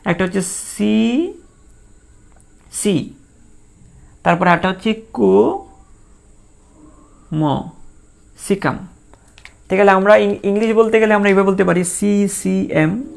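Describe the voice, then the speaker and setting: Gravelly male biology teacher. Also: high-pitched, a little mellow. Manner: repeats key terms and asks then answers his own questions; voices imagined student questions. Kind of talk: online biology lesson. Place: recorded for an online lecture.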